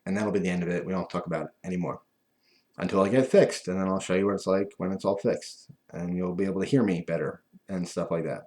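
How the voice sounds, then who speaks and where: Lispy, low-voiced man missing front teeth. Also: steady tone, fast talker, dark tone. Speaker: video host. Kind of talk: casual rambling talk to viewers.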